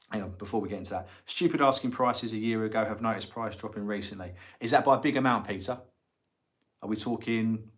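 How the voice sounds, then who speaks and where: A man with a fairly low voice and an Essex accent hosts a casual livestream. He talks in a chatty, colloquial way, as if answering viewers directly. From Essex, England. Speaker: livestream host and estate agent.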